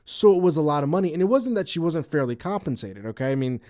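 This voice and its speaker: A man's voice: on the high side, big pitch swings, quick pace, dark tone. A man co-hosting a casual podcast, telling stories in a rambling way with many restarts and fillers. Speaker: podcast co-host.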